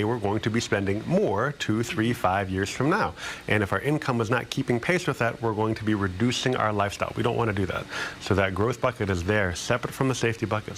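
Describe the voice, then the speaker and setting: A man speaking as a financial planner guest, explaining and pitching in an informal, plain-spoken, conversational way. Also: fairly bright tone, slight background noise.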